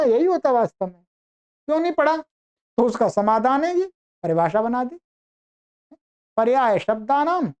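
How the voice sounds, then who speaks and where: A woman's voice: high-pitched, a little mellow. Lo-fi Sanskrit grammar teacher, a woman. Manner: reads Sanskrit slowly then explains in Hindi. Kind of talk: online lecture.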